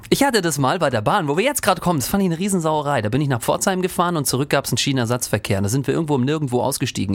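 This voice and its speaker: A man's voice: mid-range voice, no room sound. A man from eastern Germany, co-hosting a casual chat, telling annoyed stories with jokes. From East Germany. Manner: ranting, joking, lively storytelling. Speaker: podcast co-host.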